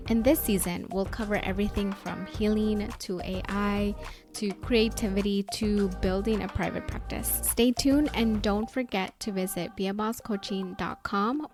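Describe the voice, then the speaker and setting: A woman business coach hosting her own podcast, speaking in an upbeat, enthusiastic way as she introduces the show and her guest. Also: medium pitch.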